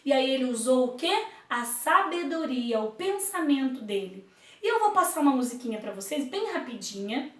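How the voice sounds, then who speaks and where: A woman teacher giving an online lesson to children, telling a story gently. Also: sits high, sing-song, normal speed, reverberant, far from the mic.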